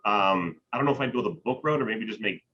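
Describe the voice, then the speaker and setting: A man's voice: fairly low pitch, animated, fast talker, muffled recording, a little hiss or hum. A man chatting casually in a business video call, rambling with frequent restarts and laughs. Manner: rambling, talks with his hands, laughs often. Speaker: business owner.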